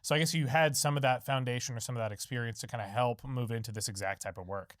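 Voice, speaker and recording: Male podcast host, mid-pitched, rambling and relaxed, dry close sound. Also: fast, no echo. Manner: rambling, frequent "mm-hmm" backchannel. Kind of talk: casual interview chat.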